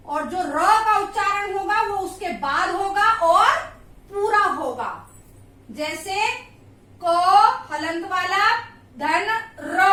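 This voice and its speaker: A woman's voice: very high-pitched, sharp tone, very echoey, recorded from a distance. A woman teaching grammar, patiently repeating sounds and asking checking questions. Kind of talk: classroom lesson.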